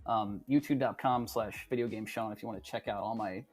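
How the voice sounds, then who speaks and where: A man's voice: lowish voice, brisk, a little mellow, soft background music. A man guesting on a comedic podcast, talking in a mock-earnest, dry, self-promoting way. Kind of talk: casual comedic podcast chat.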